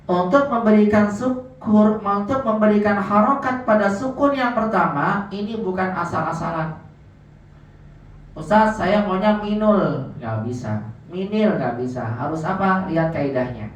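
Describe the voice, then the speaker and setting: Male grammar teacher, slightly high voice, slow drawn-out examples, quizzes the class, far from the mic. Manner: asks the class questions and answers them himself. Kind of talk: classroom lesson. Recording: echoey, dull, from far off.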